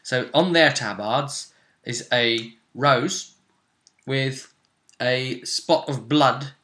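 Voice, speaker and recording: With a bright, forward voice of medium pitch, a man runs a tabletop game as its game master. His narration is casual, broken by pauses as he hunts for words, and he repeats phrases to stress them.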